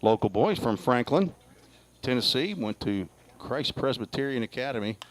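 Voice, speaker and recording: A man's voice: medium pitch, animated, normal speed. A man doing folksy color commentary on a baseball broadcast from a stadium press box, chatting and reading out player stats.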